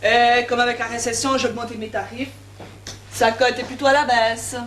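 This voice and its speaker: A woman's voice: a little high, fairly even intonation, normal speed, fairly bright tone, a little hiss or hum, close to an everyday voice. A woman playing a brazen, mercenary young woman. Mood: cheeky. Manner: cheeky, cynical. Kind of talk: amateur stage comedy. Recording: echoey stage from far off.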